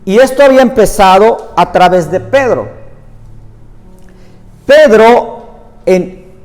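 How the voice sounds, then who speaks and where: A man's voice: high-pitched, lively intonation, takes it slowly. A man preaching a sermon in Spanish, earnest, reading scripture aloud at length. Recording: reverberant room with soft music behind.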